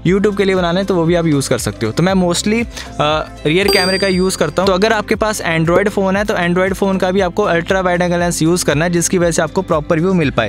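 Young male vlogger, high voice, friendly explainer, phone mic with faint music. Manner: chatty, explanatory, addresses viewers as friends. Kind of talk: casual tutorial vlog. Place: inside a moving car, then outdoors by the car. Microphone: phone's built-in mic.

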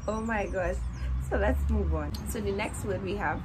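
A woman's voice: medium pitch, moderate pace. A woman in her twenties with a Trinidadian Caribbean accent, chatting casually and playfully to camera in colloquial speech. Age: 20s. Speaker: video creator. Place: outdoor porch beside greenery. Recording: noisy outdoor ambience with vehicle sounds.

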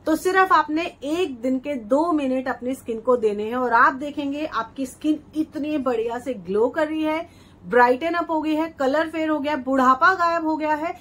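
Chatty high-voiced woman beauty vlogger. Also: moderate pace, fairly bright tone. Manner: chatty, persuasive, repeats instructions. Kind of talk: home-remedy tutorial vlog.

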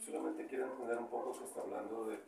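A man's voice: medium pitch, steady tone, racing, gravelly. A man from the congregation asking about a verse, hesitant and stammering as he reads. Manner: hesitant, stammers while reading aloud. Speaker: congregation member. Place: small church hall indoors. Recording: echoey room from far off with noise.

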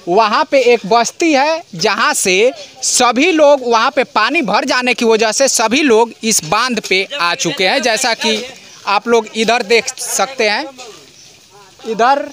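Guy doing a field report outdoors, really high bright voice, talks formal then slips into local dialect. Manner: switches between formal Hindi and village dialect. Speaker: channel reporter. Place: outdoors on a village embankment.

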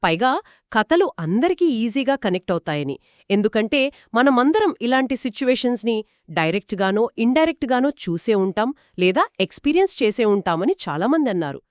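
Woman co-host, book podcast, higher voice, dry close sound, explains reviews. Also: big pitch swings, fairly quick, dry recording. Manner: explains and sums up reader reviews.

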